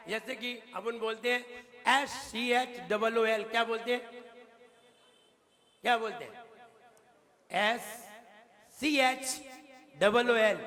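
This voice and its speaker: A monk teaches a hymn line by line, his voice high and bright as it rings through a reverberant temple hall. He speaks slowly and patiently, repeating words to correct their pronunciation. Now and then he chants the verses in a drawn-out way. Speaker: Jain monk teaching recitation. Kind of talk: pronunciation lesson.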